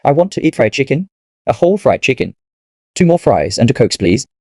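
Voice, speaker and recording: A man's voice: mid-range voice, sing-song, fairly quick, darkish tone, no echo, clean studio sound. A man voicing a clingy, tearful little girl in a narrated story, speaking in a pleading way. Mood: eager.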